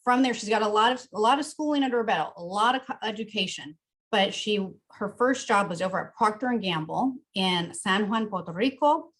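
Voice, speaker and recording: A woman's voice: medium pitch, animated, brisk, fairly bright tone. A woman hosting a talk show, introducing her guest with enthusiasm and easing into the interview.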